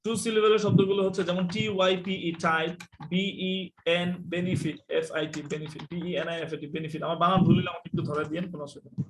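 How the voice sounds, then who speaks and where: A man teaching a live online English class, explaining quickly and telling students to mute their mics. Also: high-pitched, steady tone, background noise. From Bangladesh.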